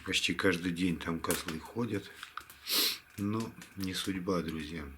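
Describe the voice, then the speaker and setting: A tired man talking casually to camera in a halting, resigned way, like a hunting vlogger winding down his day. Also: low voice, steady tone, bright, forceful tone, a little hiss or hum. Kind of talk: casual vlog monologue to camera.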